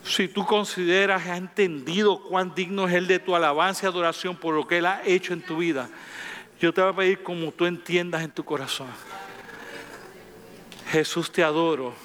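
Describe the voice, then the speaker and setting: A man leading a congregation in fervent sermon prayer, repeating phrases of worship and sometimes dropping to a soft near-whisper. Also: a little high, steady tone, normal speed. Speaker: pastor.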